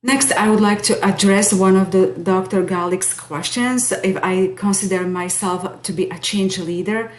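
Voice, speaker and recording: In an echoey room, a middle-aged teacher lead and behavior analyst from Slovakia presents herself to a class, earnest yet hesitant, her Slovak accent clear. Her medium-pitched voice stays steady at a normal speed with few pauses.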